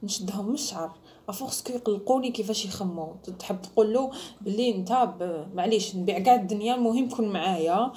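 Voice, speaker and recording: A woman's voice: mid-range voice, fast talker, dark tone, a little hiss or hum. A woman with an Algerian Arabic accent, giving brides-to-be advice in an emphatic, chatty vlog, slipping in French phrases. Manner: emphatic, mixes French phrases, mimics others. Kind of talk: casual advice talk to the camera.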